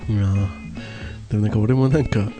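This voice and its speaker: A man's voice: fairly low pitch, steady tone, fairly quick. A man chatting casually and telling an anecdote, acting out bits of remembered dialogue in casual slang. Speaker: radio talk show co-host. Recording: guitar music in the background. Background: guitar music.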